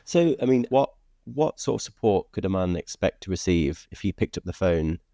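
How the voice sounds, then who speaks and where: A man's voice: sits low, animated, moderate pace, creaky, mellow, no echo, clean studio sound. A man hosting an interview in a conversational style, introducing and questioning his guest. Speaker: interview host. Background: music.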